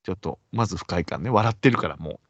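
A man with a Kansai accent tells a story in casual chat, his pitch swinging widely as he acts out each person in it. His voice sits low and a little husky. The sound is dry and dull, like a lo-fi recording. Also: fast, no echo. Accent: Kansai Japanese. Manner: animated, acts out quoted voices in pitch jumps and whispers.

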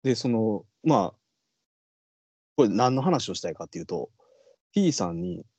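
A man's voice: on the low side, sing-song, measured pace, mellow, husky, no echo. A man with a Kansai accent, a podcast co-host chatting casually and rambling with many fillers. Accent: Kansai Japanese. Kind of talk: casual chat.

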